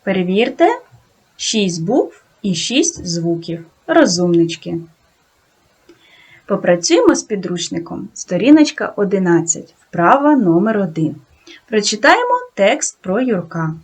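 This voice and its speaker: Slow, sing-song woman teaching small children. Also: mid-range voice, sing-song, darkish tone, breathy edge. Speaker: primary school teacher. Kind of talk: video lesson for second graders.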